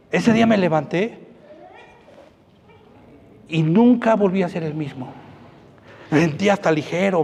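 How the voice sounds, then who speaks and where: A high-pitched man preaches in a church, switching between voices as he acts out his own stories. Long reverb from the hall trails each phrase. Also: gravelly. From Mexico. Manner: animated storytelling, acting out dialogues. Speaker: pastor. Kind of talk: sermon.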